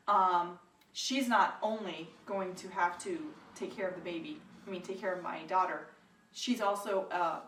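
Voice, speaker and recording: A young woman casually telling her own story to viewers, lively and acting out what was said. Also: far from the mic. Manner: animated, acts out quoted lines with rises in pitch and volume. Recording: roomy echo, voice a little off-mic.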